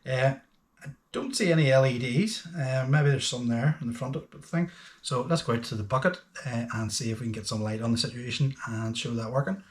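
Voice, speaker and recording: Talking a little fast in a mid-range voice, a man runs a hands-on review for his boating gadget channel. He stays casual and somewhat hesitant, reasoning out loud as he goes.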